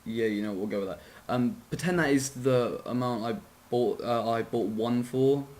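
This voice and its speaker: A man's voice: medium pitch, normal speed. A man giving a casual, rambling game tutorial, sleepy and yawning, often apologizing, correcting himself and swearing.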